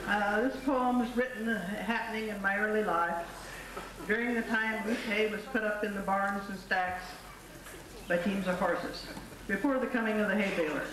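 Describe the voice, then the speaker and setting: An older woman reciting narrative ranch poetry with a halting, measured delivery. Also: medium pitch, fairly even intonation, a crowd in the background. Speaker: cowboy poet. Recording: very echoey hall, distant mic, faint noise.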